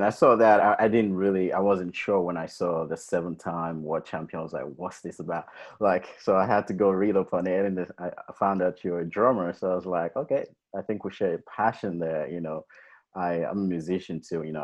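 A man hosting a podcast talks in a loose, enthusiastic, rambling way. His voice sits deep and low. The sound is dull and lo-fi, as if it came over a video call. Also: fairly even intonation, fairly quick. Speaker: podcast host. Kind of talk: casual interview chat.

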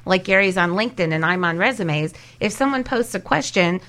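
A woman with a medium-pitched, fairly bright voice speaks briskly and with animation. She's an expert guest on a panel, handing out casual advice in a chatty way and illustrating her points by acting out little quotes.

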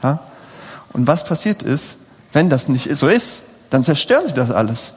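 Husky preacher man in a reverberant hall. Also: fairly high pitch, sing-song, normal speed. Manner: conversational, asks the audience rhetorical questions. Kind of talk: sermon.

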